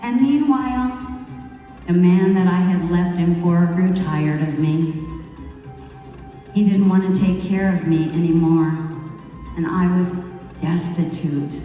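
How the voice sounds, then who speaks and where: A woman performing a first-person monologue as a wayward young biblical wife who has become remorseful, telling her story slowly and reflectively with dramatic pauses. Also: on the low side, warm tone, lo-fi sound. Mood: regretful. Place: large hall at a retreat. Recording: echoey hall from far off, faint music.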